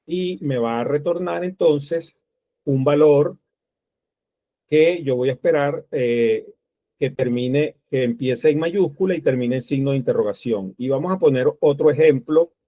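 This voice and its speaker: A man walks through a coding tutorial at an unhurried, deliberate pace, stopping often to think aloud as he types. His voice is on the higher side for a man but mellow and dark in tone. The recording is dry and a little dull, with a lo-fi edge. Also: no echo. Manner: slow, thinking aloud while typing code. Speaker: programming teacher.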